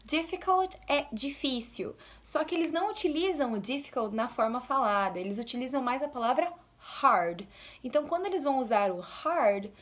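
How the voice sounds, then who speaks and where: A woman's voice: high voice, animated, a bit bright. A young Brazilian woman with a Brazilian Portuguese accent, giving chatty language tips in a casual teaching vlog. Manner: chatty, explains with quick English examples. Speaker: English tips vlogger.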